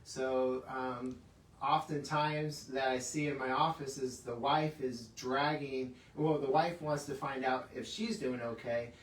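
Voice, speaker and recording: A man's voice: mid-range voice, steady tone, unhurried. Man, casual health talk host, chatty with fillers, echoey room, mic set back. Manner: chatty, laughing, many fillers. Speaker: chiropractic clinic host. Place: clinic room. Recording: echoey room, mic at a distance, faint hiss.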